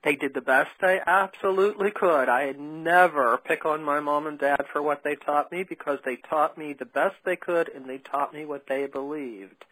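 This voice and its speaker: A woman's voice: deep voice, moderate pace, few pauses, fairly bright tone, husky, no echo, rough recording. A woman hosting a spiritual podcast interview, talking in an earnest, emphatic way. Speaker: podcast host.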